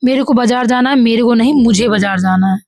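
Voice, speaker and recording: A woman's voice: a little high, fast, darkish tone, dry recording. A woman with a Bihari Hindi accent teaching an exam-prep grammar lesson. She reads each example and then corrects it. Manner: reads examples then corrects them, says "ठीक है" often.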